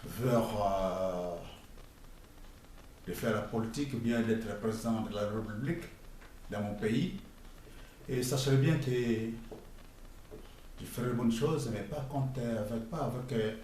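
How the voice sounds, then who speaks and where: A middle-aged vlogger from the Democratic Republic of the Congo scolds emphatically in French with a Congolese accent, halting with frequent pauses in casual spoken commentary. His voice is mid-pitched and dark in tone. Recorded outdoors near a construction site, the distant mic picks up heavy echo, faint ambience, and a little hiss or hum.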